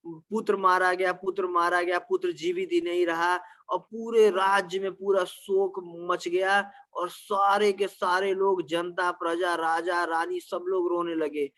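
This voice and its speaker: A man's voice: high voice, fairly bright tone. A man narrating a devotional story as a spiritual lecture, in a conversational way with frequent filler phrases.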